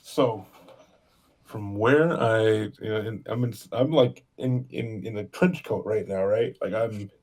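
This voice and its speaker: Husky-voiced hesitant man, tabletop player. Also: on the low side, measured pace, darkish tone. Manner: hesitant, stammers and restarts. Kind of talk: casual tabletop game play.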